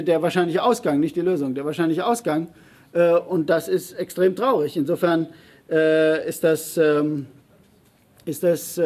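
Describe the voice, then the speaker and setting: A man on a panel answering audience questions in a public debate, arguing emphatically and often pausing on fillers and restarts. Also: high voice, a little mellow, slightly rough.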